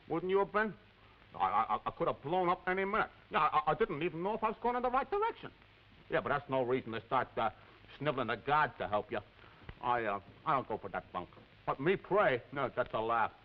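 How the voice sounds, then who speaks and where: A man's voice: medium pitch, sing-song, brisk, close to an everyday voice. An actor playing a crude, boastful young male astronaut with an American accent, swaggering and stammering in 1950s television drama. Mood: boastful drunk. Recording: dull lo-fi 1950s TV audio.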